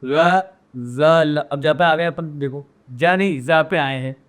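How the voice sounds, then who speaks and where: A man teaching a Hindi grammar lesson, drilling pronunciation by repeating words slowly and checking in with viewers. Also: a little high. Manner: addresses viewers directly with frequent "है ना?". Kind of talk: classroom-style grammar lesson.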